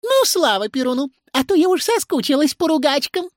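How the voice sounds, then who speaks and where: A woman voicing a grumpy young female kikimora, a swamp-spirit pupil, in a squeaky, whiny voice. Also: big pitch swings, fairly quick, no room sound, studio quality. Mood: grumbling.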